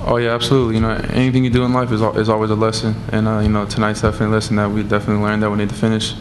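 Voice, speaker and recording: A young college quarterback speaks at a press table, his low voice barely moving in pitch as he rushes through his answers. He leans on "you know" again and again. A clear hiss of room noise sits under him. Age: young adult. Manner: steady, fills with "you know" often. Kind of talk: post-game press conference answers. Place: press room at a table before a sponsor backdrop. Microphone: table mic on a stand.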